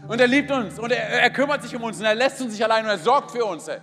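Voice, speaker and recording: A man's voice: extremely high pitch, fast, gravelly, pushed and bright. A man in his thirties preaching a sermon, energetically calling out to the congregation. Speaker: pastor. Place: large church hall. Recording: hall reverb with faint music.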